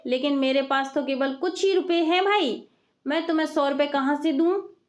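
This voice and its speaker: A woman's voice: high-pitched, normal speed, lightly acted. Woman doing a greedy young daughter-in-law. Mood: pleading. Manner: gushing, pleading.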